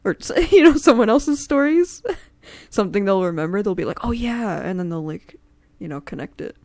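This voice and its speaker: A woman's voice: medium pitch, fairly quick, a little mellow, no room sound. A woman hosting a casual stream chat, rambling with many fillers and frequent giggles. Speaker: streamer and host.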